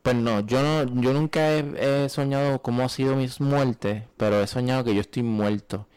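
A man's voice: mid-range voice, fairly even intonation, moderate pace, darkish tone, clean tone. A young man, co-hosting a casual podcast chat, peppering his stories with swearing. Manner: swears often, shares dreams loosely. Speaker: podcast co-host.

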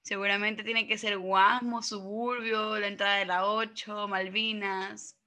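A woman co-hosts a podcast in casual chat, giggly and teasing. Her voice is bright and clear at a middle pitch. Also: flat delivery, a little slow. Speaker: podcast co-host.

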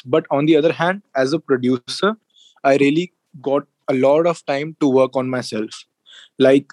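A man's voice: mid-range voice, a little mellow, no room sound. Young North Indian man, dry close sound. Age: 20s. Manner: switches between English and Hindi mid-sentence. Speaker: interview guest, music producer and sound engineer. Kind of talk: casual interview chat.

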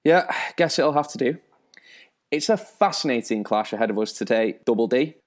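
A man's voice: medium pitch, animated, moderate pace, darkish tone. A man hosting a spoof football show, with a dry, teasing presenter delivery. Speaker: host.

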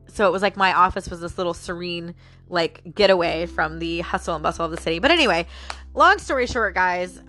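Her voice sits on the low side and sounds pushed and bright, a little nasal from a stuffy nose. As host of a personal talk show, she rambles in a chatty way, musing aloud and calling her listeners "guys."

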